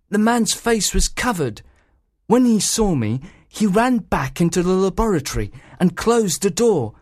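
A man's voice: no echo, clean studio sound, heavily acted. A man voicing an anxious, loyal male servant who insists on what he saw, in an audiobook reading. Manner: urgent, high and strained delivery. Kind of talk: audiobook character voice.

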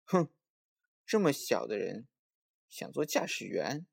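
A man's voice: medium pitch, big pitch swings, takes it slowly, gravelly, slightly rough, exaggerated voice. A man voicing a pouty, competitive little boy who talks in a huffy, insistent way.

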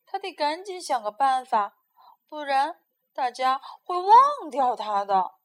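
Brief: high-voiced woman storyteller, unhurried and lively, reading to kids. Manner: expressive, gentle.

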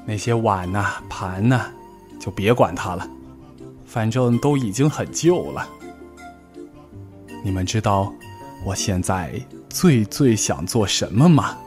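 A man voicing a gentle, cheerful, lonely old grandmother bear in a storybook reading. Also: on the low side, animated, a little slow, soft background music.

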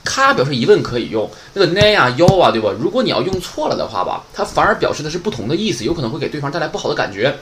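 A man's voice: fairly high pitch, sing-song, racing, hardly any pauses, a bit bright, a little hiss or hum. A man teaching beginner Japanese in a casual, chatty online lesson, often asking "right?".

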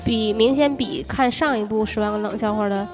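A woman co-hosting a casual film-review podcast, talking in a relaxed, agreeable way. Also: mid-range voice, fairly quick, music in the background. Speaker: podcast co-host. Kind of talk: casual chat reviewing films.

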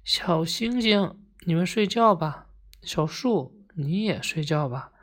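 Storyteller doing a red paint blob, gentle, hushed, slow, bedtime storybook. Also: medium pitch, lively intonation. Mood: soothing. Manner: soft, slow, hushing.

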